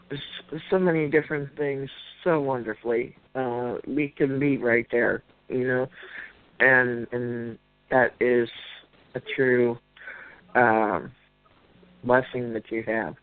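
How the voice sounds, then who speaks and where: A man calling in over the phone to a talk show, offering halting, effusive praise with many restarts. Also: medium pitch, clean tone. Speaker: caller. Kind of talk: casual call-in chat. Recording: dry, tinny phone line.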